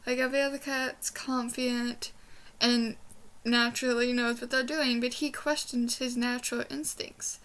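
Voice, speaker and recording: A woman's voice: fairly high pitch, little pitch movement, moderate pace, few pauses, fairly bright tone. A young woman chatting casually in a rambling review vlog, with trouble saying her R's, which come out like W's. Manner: trouble pronouncing R sounds, says w for r. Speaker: book reviewer. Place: small bedroom, indoors.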